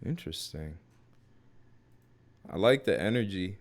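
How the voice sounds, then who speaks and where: A man's voice: low-pitched, lively intonation, unhurried. A man streaming live, reacting casually to videos and joking with his chat. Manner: laid-back, joking asides to chat.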